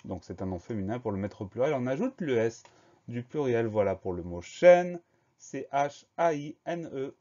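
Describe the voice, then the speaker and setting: A man teaching a French spelling lesson, slowly spelling each word letter by letter and explaining the grammar. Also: medium pitch, lively intonation, warm tone, highs cut off. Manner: slow, methodical, spells words letter by letter.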